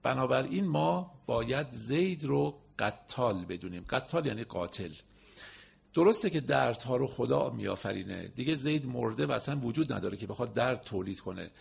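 A man giving a spoken lesson on classical poetry, explaining verses word by word and reciting lines slowly. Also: mid-range voice, expressive, gravelly, slightly rough.

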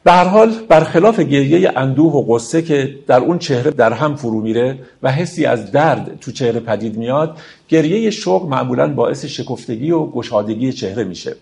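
A man lecturing on classical poetry in a gravelly voice. He explains each verse step by step and speaks to his listeners as friends. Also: medium pitch, expressive, a little mellow.

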